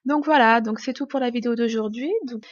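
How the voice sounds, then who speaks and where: A woman's voice: a little high, a little fast, no echo, highs cut off. A woman teaching English in French, explaining step by step with frequent hesitations and fillers. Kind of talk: online language lesson.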